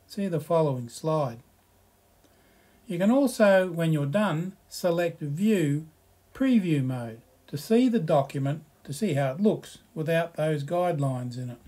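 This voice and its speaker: A man with a somewhat higher-pitched voice talks through a software slideshow tutorial. He reads the slides aloud in a relaxed, explanatory way and adds friendly asides. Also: measured pace.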